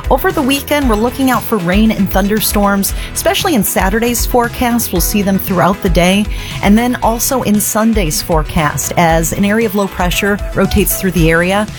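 Female weather forecaster over music. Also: medium pitch. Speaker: meteorologist. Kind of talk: radio weather report.

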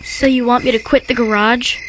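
A woman voices an earnest, dutiful young boy in an audio drama, sounding resigned. Her voice is on the high side and fairly bright, close to an everyday voice, with fairly even intonation and a slightly fast pace, in a low-quality recording with slight background noise.

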